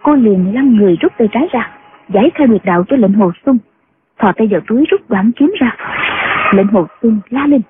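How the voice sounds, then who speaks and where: A woman's voice: on the high side, animated, a little fast, very noisy. Woman narrating a martial-arts novel. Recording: tinny phone-like sound with loud music.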